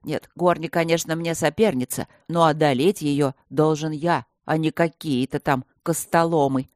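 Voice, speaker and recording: Woman reading a cool icy elf guy, measured, low-ish voice, dry close sound. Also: darkish tone, no echo, lightly acted. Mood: cool, aloof. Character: young male elf mage, cool and aloof.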